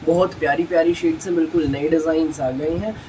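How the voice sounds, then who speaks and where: Eager high-pitched salesman, distant mic. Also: fairly even intonation, fairly quick, dark tone. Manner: eager, repetitive teleshopping-style patter, addressing viewers as brother. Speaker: shop seller presenting products on own video channel. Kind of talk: sales pitch, product showcase. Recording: noisy, distant microphone.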